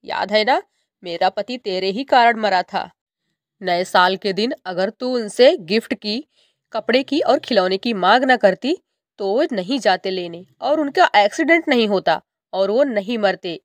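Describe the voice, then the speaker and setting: A woman's voice: medium pitch, animated, unhurried, dry recording, studio quality, natural voice. A woman voicing a cruel stepmother bird in a cartoon story, harsh, taunting and bossy. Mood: bitter. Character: cruel, scolding adult female stepmother bird.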